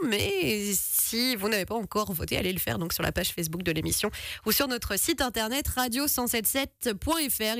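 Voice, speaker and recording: A woman's voice: a little high, fairly bright tone, no room sound. A woman hosting a live radio talk show from a studio, chatty and reading out listener messages. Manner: chatty, reads listener messages, laughs easily. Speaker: radio host. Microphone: studio microphone.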